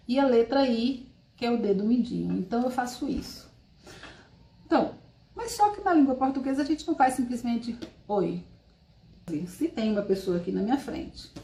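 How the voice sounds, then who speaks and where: A woman's voice: fairly high pitch, dark tone, reverberant. A woman from Brazil teaching a live-streamed language class, explaining patiently and checking in with tag questions.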